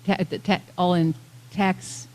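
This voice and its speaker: A woman's voice: on the low side, steady tone, a little slow, darkish tone. A woman official at a formal meeting, asking probing questions and checking her understanding as she goes. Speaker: county official questioning presenter.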